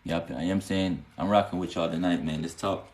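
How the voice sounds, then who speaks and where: Steady in tone and moderate in pace, a man's low-pitched, darkish voice carries through a roomy-sounding space. He's casually teaching spiritual lore on a live stream and replying to viewers, often checking "you know what I'm saying" and climbing into emphatic bursts.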